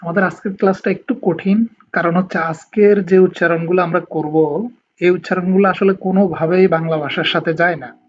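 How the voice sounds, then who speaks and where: A man teaching a language lesson online, patiently explaining sounds and stretching out example words slowly. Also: high-pitched, fairly even intonation. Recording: dull lo-fi sound with faint noise.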